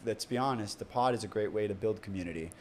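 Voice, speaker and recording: Chatty low-voiced male podcast host. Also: fast, a little mellow, slight background noise. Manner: casual, enthusiastic, chatty. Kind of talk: casual conversational interview.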